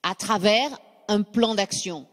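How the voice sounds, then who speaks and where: A woman interpreting a sermon phrase by phrase, sometimes pausing with a hesitant filler. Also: medium pitch. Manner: follows the preacher phrase by phrase, with some hesitant fillers. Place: church hall. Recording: reverberant church hall.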